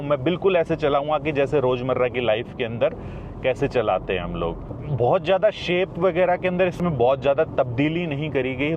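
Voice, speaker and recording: A chatty man reviews a car in a casual vlog, speaking to his viewers like friends, partly while driving. His voice sits fairly high for a man. The audio is a little dull, with faint background noise.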